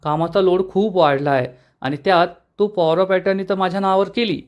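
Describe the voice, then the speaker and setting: A man voicing a scheming older sister in a spoken serial recap, smooth and insistent. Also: high voice, steady tone, moderate pace, dull audio, lightly acted.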